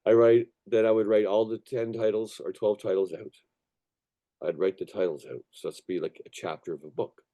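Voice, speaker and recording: Being interviewed, a male musician, songwriter and record producer speaks in a lowish, mellow voice at a steady tone and normal speed. His storytelling wanders, emphatic and full of swearing, and he keeps checking in with "you know" and "right".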